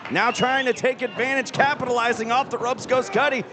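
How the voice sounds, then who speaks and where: A man giving play-by-play as a wrestling commentator, with excited calls on the big moves. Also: very high voice, a little fast. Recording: live event with crowd behind. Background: crowd noise.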